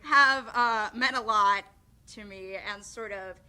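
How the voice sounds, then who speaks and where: Young woman, late teens, nervous, rambling, laughs through it, slow unhurried delivery, bright tone. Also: medium pitch, clean tone. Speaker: graduating theatre student giving a farewell speech. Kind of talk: unscripted farewell speech.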